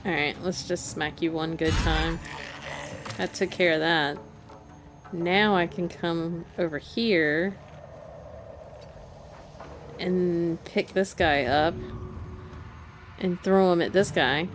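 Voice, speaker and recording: A woman's voice: lowish voice, slow, pauses often, over music. A woman streaming a video game live, thinking aloud in casual commentary and laughing often.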